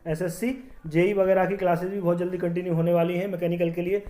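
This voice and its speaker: A male teacher going through exam-prep quiz questions, repeating each question and checking in with the viewer, his sentences often trailing off quieter. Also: high voice, level tone, fast talker. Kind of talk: quiz walkthrough, explaining answers.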